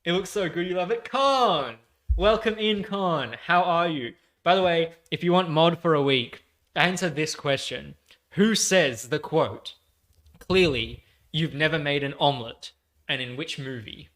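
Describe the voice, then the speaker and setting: A man chatting loosely as co-host of a podcast livestream. His voice sits a little on the high side, and he talks in a relaxed, chatty way, laughing often and dropping the odd swear. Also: normal speed. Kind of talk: casual livestream chat.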